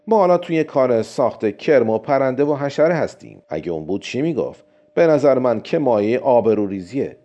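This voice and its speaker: A man's voice: medium pitch, big pitch swings, dark tone, lightly acted. A man voicing a testy, hesitant male company boss in a storybook reading. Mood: grumbling. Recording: dull lo-fi recording.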